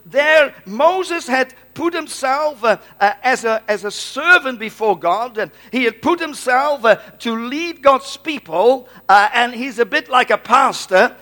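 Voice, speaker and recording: With a sharp tone and lively intonation, this very high-voiced Dutch man delivers an exclamatory Pentecostal-style sermon, calling out to the congregation. His pace is measured with hardly any pauses, though he often hesitates and repeats words.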